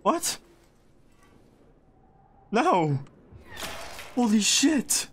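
A man's voice: very high-pitched, sing-song, extremely slow, fairly bright tone, a little hiss or hum. A young man chatting casually while playing a co-op game, laid-back, joking and swearing often. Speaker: co-op gamer. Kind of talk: casual gaming chat.

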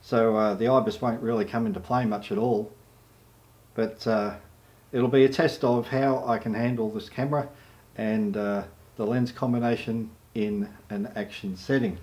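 Relaxed Australian man, rambling vlog. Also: lowish voice, normal speed. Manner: relaxed and rambling, with many "uh" fillers. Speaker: photojournalist and camera reviewer. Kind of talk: casual vlog talk to camera.

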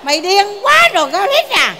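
A woman's voice: very high-pitched, big pitch swings, normal speed, bright, forceful tone, a little hiss or hum, full character voice. A woman playing a bossy old grandmother who scolds her grandson in a live stage comedy sketch. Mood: scolding.

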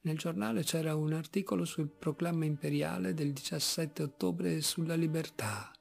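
A man reading a literary story aloud as an audiobook, measured and expressive. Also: a little high, vocal fry. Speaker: audiobook reader.

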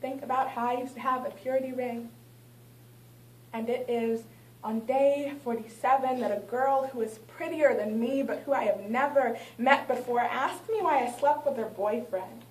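A young woman's fairly high voice carries spoken word poetry at a moderate pace, delivered dramatically with rhythmic refrains. Because a far camera with no mic records her in a small indoor gallery, there's a roomy sound plus slight hiss or hum.

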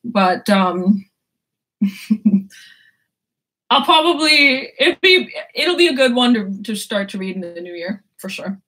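Bright-voiced woman chatting about books. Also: mid-range voice, animated, slow pace, pauses often. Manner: rambling, swears often, laughs a lot. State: sore throat. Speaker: book vlogger. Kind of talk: casual chat.

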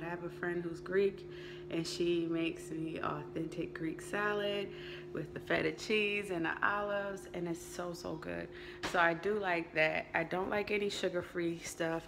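A woman's voice: on the low side, gravelly, reverberant, noisy background. A woman giving a candid update vlog, hesitant with many fillers and eating while she talks. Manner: eating and chewing while talking. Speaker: vlogger.

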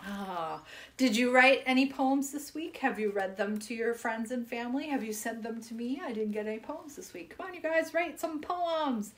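A woman's voice: fairly high pitch, normal speed, a bit bright. A woman reading children's poems aloud in a playful, giggly way. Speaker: poetry reader.

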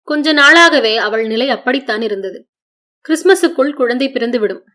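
A woman narrating an audiobook short story in a measured, expressive storytelling manner. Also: a little high.

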